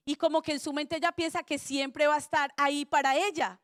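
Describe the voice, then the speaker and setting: A woman's voice: high-pitched, fairly even intonation, a little fast, no echo, clean studio sound. A woman preaching a sermon in church, telling stories with humor and asking the congregation rhetorical questions.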